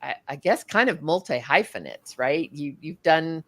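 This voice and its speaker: A woman's voice: deep voice, animated, moderate pace, a bit bright, no room sound. A woman hosting an online talk show, chatty and effusive, with many ums. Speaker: host.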